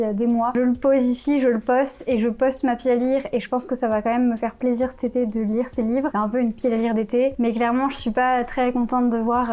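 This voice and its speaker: A woman's voice: fairly high pitch, dark tone. A young woman from France with a French accent, chatting casually about books, with many fillers and self-corrections. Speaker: book youtuber. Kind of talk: casual chat.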